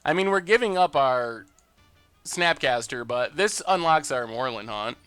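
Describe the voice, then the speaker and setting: A man narrates his card-game plays on a live stream, chatting upbeat with viewers and responding to their messages. His medium-pitched voice is animated and fairly bright at a moderate pace, clean in tone. The recording has no room sound and faint music behind it.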